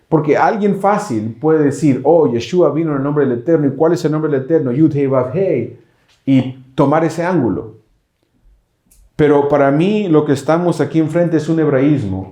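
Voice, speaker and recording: A man with a warm, relaxed voice teaches scripture in an echoey room. He explains patiently, one step at a time. He keeps checking that his listeners follow with quick rhetorical questions. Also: mid-range voice. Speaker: congregation teacher. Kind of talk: bilingual Bible teaching.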